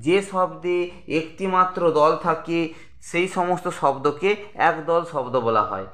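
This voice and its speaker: Male teacher with a bright voice, slightly high, slow and deliberate, explaining with examples. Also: animated, reverberant. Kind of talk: grammar lesson.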